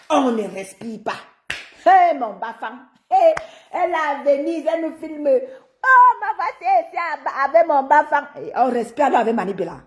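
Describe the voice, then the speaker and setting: A woman with a Cameroonian French accent talking casually on a live stream, animated and teasing, laughing often and greeting her viewers by name. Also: high-pitched.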